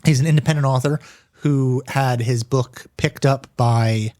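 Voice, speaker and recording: A man's voice: medium pitch, fairly even intonation, unhurried, a little mellow, no echo. Rambling male podcast co-host, dry sound. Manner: rambling, hesitant with restarts. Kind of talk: casual chat.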